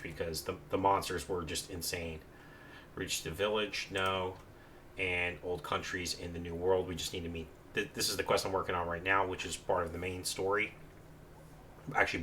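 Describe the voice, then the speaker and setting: Low, bright-toned man rambling over gameplay. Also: slight background noise. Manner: casual, rambling, with many fillers. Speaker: gameplay commentator. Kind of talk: let's play commentary.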